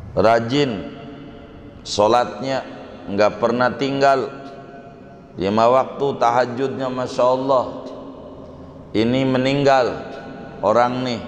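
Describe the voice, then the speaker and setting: A male preacher tells a story in a loose, colloquial way. He speaks slowly in a mid-pitched voice. The sound rings through an echoey hall with a long reverb and faint background ambience. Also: steady tone, lo-fi sound, a little hiss or hum. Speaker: Islamic preacher. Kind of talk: storytelling sermon.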